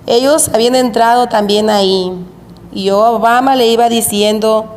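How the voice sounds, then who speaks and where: A woman preacher telling of a vision she had, in a slow, repetitive storytelling manner. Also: fairly high pitch, fairly even intonation, darkish tone. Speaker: preacher recounting a revelation. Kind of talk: religious testimony of a vision. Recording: echoey hall with faint background noise.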